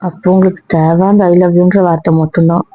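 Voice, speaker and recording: A woman voicing a hurt young woman who questions her partner with quiet reproach. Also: on the low side, little pitch movement, normal speed, no echo, dull audio, lightly acted. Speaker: young wife or girlfriend. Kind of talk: Tamil audio drama acting.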